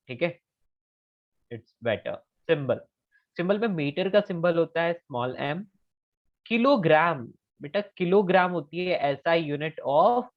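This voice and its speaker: Patient male teacher, slow deliberate delivery, muffled online-class audio. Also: on the high side. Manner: patient, repeats key phrases slowly, calls students beta. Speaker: physics teacher.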